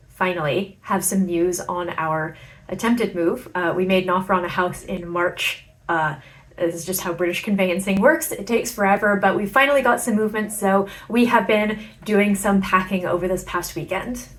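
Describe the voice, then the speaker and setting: A woman's voice: mid-range voice, normal speed. A tired woman chatting casually and wryly to camera as a book vlogger, her voice echoing in the room. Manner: chatty, informal, wry. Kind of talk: casual bookish chat to camera. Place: echoey room at home during packing. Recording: echoey room.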